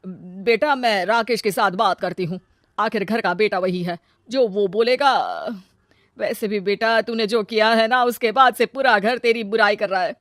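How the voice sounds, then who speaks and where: A woman playing a gentle older mother. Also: mid-range voice, moderate pace, no room sound, studio quality, natural voice. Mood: pleading. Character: soft-hearted older mother, worn down.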